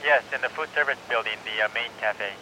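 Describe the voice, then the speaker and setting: A man giving brief, halting reports over a two-way radio. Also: mid-range voice. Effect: two-way radio transmission. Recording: noisy radio with rushing background noise.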